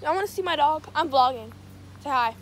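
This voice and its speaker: A young woman vlogging from inside a car on a phone held at arm's length, talking casually in slangy, profane speech and getting loudly worked up. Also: sits high, animated, fairly quick. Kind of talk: casual vlog chat. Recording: phone recording with loud car and street noise.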